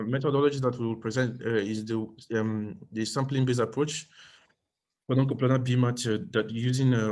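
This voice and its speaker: A man giving an academic thesis defense presentation as a doctoral candidate, speaking in a hesitant, halting way and often repeating and rephrasing himself. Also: medium pitch.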